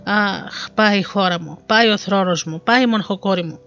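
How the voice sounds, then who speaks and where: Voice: mid-range voice, vocal fry. A storyteller voicing a kind old king in a fairy tale, speaking earnestly, on a dull lo-fi recording with faint music behind. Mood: despairing. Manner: earnest, gentle. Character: kindly worried old king.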